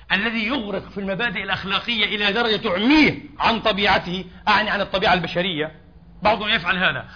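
Male preacher, high, fast and sharp-edged, impassioned sermon with rhetorical questions, dull lo-fi mosque recording. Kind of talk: Friday sermon.

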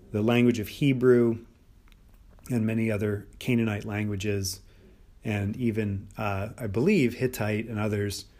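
Male podcast host, low register, loose unscripted lecture, thinks aloud with false starts. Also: a little mellow. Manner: thinking aloud with many fillers and restarts. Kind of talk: unscripted history talk.

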